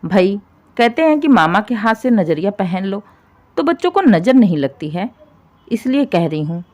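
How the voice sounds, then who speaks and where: A woman voicing a sharp-tongued, greedy older mother-in-law who taunts and scolds loudly in a spoken storybook. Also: medium pitch, big pitch swings, moderate pace, natural voice. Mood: defensive.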